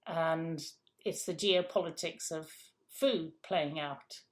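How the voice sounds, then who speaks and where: Speaking slowly in a deep voice, an older grandmother being interviewed gives emphatic, forthright answers. She thinks out loud and frequently repeats herself.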